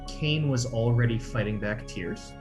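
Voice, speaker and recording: A man playing at a tabletop game, narrating his character's feelings in a halting, emotional way. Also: mid-range voice, over music. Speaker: player.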